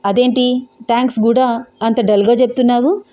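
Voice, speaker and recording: Give me a woman playing a relaxed, teasing young buddy in an audio story, slightly high voice. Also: normal speed, close to an everyday voice. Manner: casual, teasing. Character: easygoing young man, teasing best friend.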